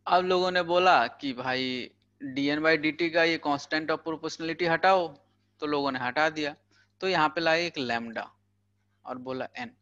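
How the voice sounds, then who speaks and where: In a relaxed Hindi lecture preparing students for exams, a young male physics teacher chats his way through, leaning on fillers like "thik hai" and "bhai" and explaining with everyday money examples. He speaks a little slowly in a fairly bright, higher-pitched voice. The audio is dry and dull.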